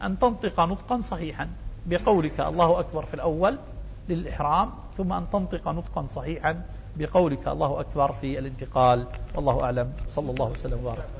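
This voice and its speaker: Fast, high-voiced religious teacher, hall echo. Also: male voice, creaky, a little hiss or hum. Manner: explanatory, asks rhetorical questions then answers them. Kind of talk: religious lesson explaining prayer rulings. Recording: dull lo-fi sound in a reverberant hall.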